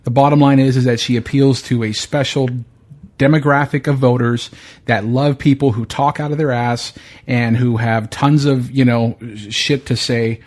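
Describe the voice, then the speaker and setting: A man hosting a podcast in a casual, opinionated chat. He talks bluntly and swears freely, stumbling and restarting his sentences as he works through a point. His voice sits at an ordinary middle pitch. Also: steady tone, normal speed, a little mellow. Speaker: podcast host.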